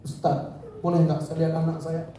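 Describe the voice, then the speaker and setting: A man voicing a heartbroken father begging to see his child, with a soft, pleading voice, in an echoey hall far from the mic. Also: on the high side, flat delivery, brisk, a little hiss or hum, voice pushed down, lightly acted.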